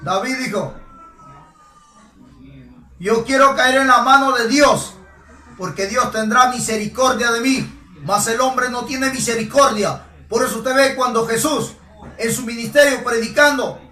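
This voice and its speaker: A man preaching a sermon emphatically, asking rhetorical questions and rising to shouts. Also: very high voice, unhurried, pauses often. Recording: echoey room, voice from a distance.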